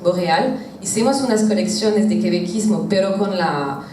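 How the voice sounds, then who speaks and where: Woman, French accent, halting non-native Spanish, panel remarks; mellow tone, echoey distant recording. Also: medium pitch. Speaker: publishing house editor. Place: echoey room at a public talk. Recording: roomy, distant mic, faint noise.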